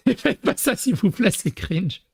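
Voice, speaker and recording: A young Parisian YouTuber tells casual anecdotes to the camera, his voice sitting high, husky and full of vocal fry. He's very animated yet keeps a measured pace, rambling with lots of fillers and restarts and laughing at his own stories.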